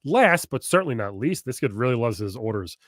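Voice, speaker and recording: A man co-hosting a casual podcast, laughing a lot, swearing casually and throwing in quick asides while reading old magazine letters. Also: medium pitch, big pitch swings, no echo, clean studio sound. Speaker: podcast co-host.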